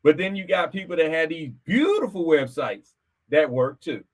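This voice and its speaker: A man co-hosting a business talk show, chatting casually and teasing his guest with quick questions. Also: on the high side, expressive.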